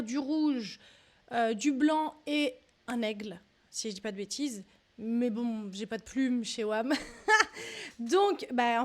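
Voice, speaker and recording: A woman hosting a casual dance reaction vlog, chatty and exclamatory, talking with lots of fillers. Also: on the high side. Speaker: dance video host.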